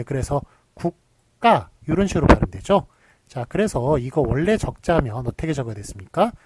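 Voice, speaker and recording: A man's voice: mid-range voice, very noisy. A man giving a recorded university lecture, explaining step by step, asking rhetorical questions and using many fillers.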